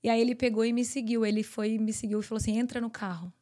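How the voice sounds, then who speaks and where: A Brazilian woman, a podcast guest, telling her personal story in an earnest, rapid flow. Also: a little high, little pitch movement, mellow. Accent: Brazilian Portuguese. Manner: earnest, tells events in long rapid runs.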